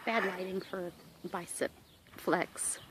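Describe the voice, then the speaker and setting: A woman recording a casual, rambling video diary as a fitness vlogger, relaxed and affectionate, speaking outdoors into a handheld camera. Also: on the low side, slow pace. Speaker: vlogger giving a daily fitness update. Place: outdoors at a horse property, sitting on the ground. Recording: noisy outdoor amateur recording.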